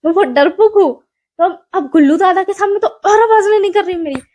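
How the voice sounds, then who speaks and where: A young woman vlogger with a Hyderabadi accent tells a rambling, casual story full of fillers and self-deprecating chat, recorded on a mic in a small room. Her voice is extremely high-pitched with a darkish tone, and she talks briskly.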